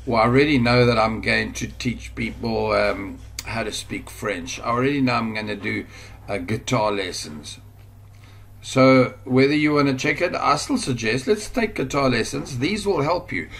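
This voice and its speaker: Voicing over a screen recording at his computer, this South African online instructor gives a casual tutorial full of fillers and false starts. He talks at normal speed in a medium-pitched voice that is creaky, husky and fairly bright.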